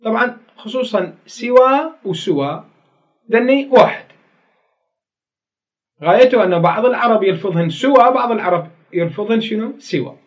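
A man's voice: high voice, animated, normal speed, long pauses. A man with an Iraqi Arabic accent teaching a grammar lesson, repeating key phrases and putting questions to his students.

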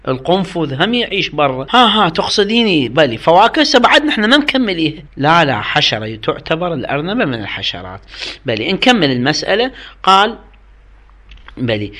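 A man's voice: a little high, pushed and bright. A man with an Iraqi Arabic accent teaching a seminary jurisprudence lesson, reading out rules and explaining them with questions to his students. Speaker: religious studies teacher.

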